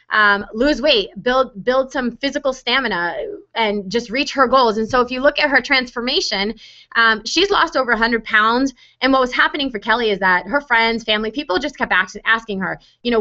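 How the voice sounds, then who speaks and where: A woman's voice: on the high side, bright, forceful tone. A woman giving a chatty, upbeat online sales presentation, with frequent fillers. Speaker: webinar presenter. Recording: dull lo-fi webinar audio.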